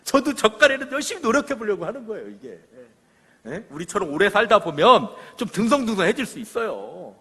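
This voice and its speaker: A middle-aged man gives a parenting lecture to a church audience, his voice husky and pitched fairly high. He tells stories with lively swings of pitch, acting out the quoted lines and asking for agreement. The sound carries a long reverb from the hall. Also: brisk.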